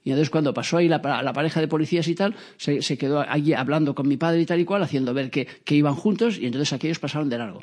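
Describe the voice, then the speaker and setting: In a lively, very rapid telling, a man shares a story about his dad. His voice sits a bit high, he puts on little voices for the quoted parts, and he frequently backs up to start again.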